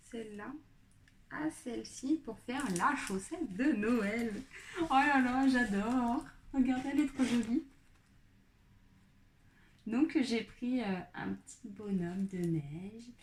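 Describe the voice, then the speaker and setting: A woman's voice: mid-range voice, a little mellow, slight background noise. Young woman, French accent, casual unboxing host, mid-range voice, enthusiastic and rambling. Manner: chatty, gushing, many fillers and little exclamations. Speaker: craft vlogger.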